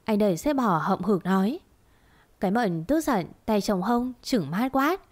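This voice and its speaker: A woman narrating a story in a steady, expressive reading voice. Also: mid-range voice, a little slow.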